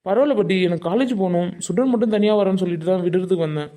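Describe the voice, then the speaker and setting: Soft, mellow young man, courteous student voiced by a performer. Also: medium pitch, racing, close to an everyday voice. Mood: polite. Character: polite young male college student.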